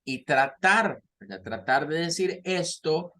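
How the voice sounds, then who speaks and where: A man with a Latin American Spanish accent teaching an English lesson, patiently explaining and repeating words slowly for pronunciation. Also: fairly high pitch, lively intonation, bright, forceful tone.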